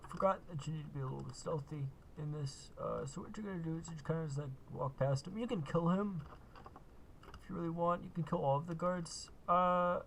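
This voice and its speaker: A man's voice: on the high side, a little fast, creaky, a little hiss or hum. A man giving a laid-back, casual gameplay walkthrough, full of uh and kinda. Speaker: gaming video host.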